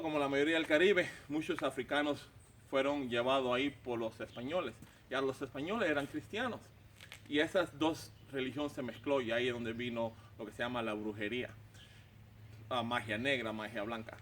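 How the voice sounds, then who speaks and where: A man's voice: on the high side, fairly bright tone, slight background noise. A man from Cuba, teaching the Bible in an informal, conversational way, repeating words and checking in with his listeners. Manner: repeats words and restarts phrases.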